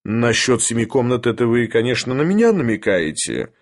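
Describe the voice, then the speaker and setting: A man's voice: mid-range voice, sing-song, normal speed. Man doing an imperious old professor. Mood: ironic. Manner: ironic, thundering, lecturing. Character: imperious, irascible older male professor. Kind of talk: audiobook character voice.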